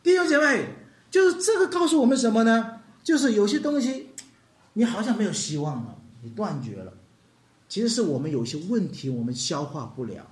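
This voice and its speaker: A preacher giving an animated sermon, dropping English words into the talk and asking the congregation questions. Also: medium pitch, a little fast. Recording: echoey hall.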